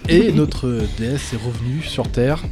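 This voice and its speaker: A man's voice: medium pitch, unhurried, music in the background. A young man hosting a casual podcast, joking and laughing often with his co-hosts. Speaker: podcast host. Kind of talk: casual chat.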